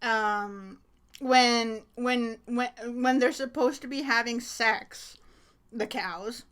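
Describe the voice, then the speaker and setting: A woman's voice: on the high side, takes it slowly, a bit bright, smooth. A young woman from Canada co-hosting a podcast, chatting casually with lots of fillers and laughter. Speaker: podcast co-host. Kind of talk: casual chat.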